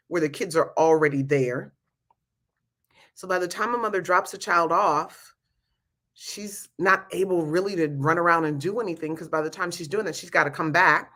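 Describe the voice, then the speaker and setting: A woman's voice: deep voice, normal speed, fairly bright tone. A woman giving an informal, candid talk, speaking emphatically with slightly slurred speech from wearing a retainer. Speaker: youth peer group leader and speaker. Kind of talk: informal talk to an audience about a program.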